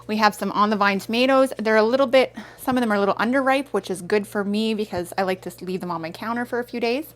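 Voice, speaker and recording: A woman's voice: mid-range voice, fast talker. Chatty woman vlogger. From Canada. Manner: chatty, rambling, with self-aware asides. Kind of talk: casual grocery haul vlog.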